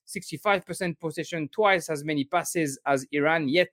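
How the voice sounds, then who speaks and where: A man from France hosts a casual football podcast. He talks in a halting way, with many restarts and fillers. His voice is a little high and the sound is close and dry. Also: a bit bright, no room sound. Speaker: podcast host.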